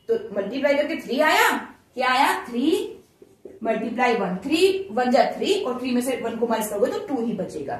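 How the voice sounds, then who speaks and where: A woman with a voice on the high side teaches a maths lesson, explaining each step and quizzing her students as she works. She is off-mic and distant, in a very echoey room.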